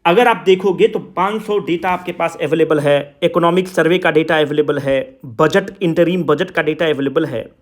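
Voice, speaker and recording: A male exam coaching teacher, lecturing a class and slowing down to stress his English phrases. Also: on the high side. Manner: mixes English and Hindi, slows down for emphatic English phrases.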